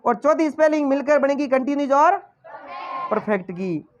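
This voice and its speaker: A man's voice: very high voice, expressive, moderate pace, dull audio, slight background noise. A male teacher giving a lesson, quizzing the class with repeated questions and then answering them himself. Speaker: English teacher.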